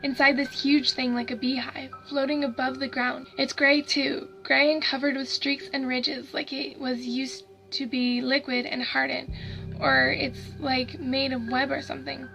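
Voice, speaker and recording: A woman voicing a dead young boy who talks in a hushed voice, bitter and growling with hatred. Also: high voice, flat delivery, a little slow, vocal fry, faint music behind, exaggerated voice, low-quality recording. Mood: awed dread.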